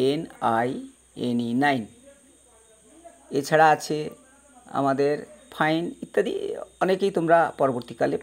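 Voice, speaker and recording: A male teacher giving a pronunciation lesson, slowly spelling out words and patiently repeating each sound for his students. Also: fairly high pitch. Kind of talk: spoken English pronunciation lesson.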